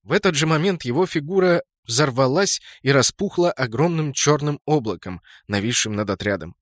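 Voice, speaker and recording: A man's voice: medium pitch, expressive, normal speed, no room sound, studio quality. A man reading scripted fantasy game fiction as an audiobook narrator.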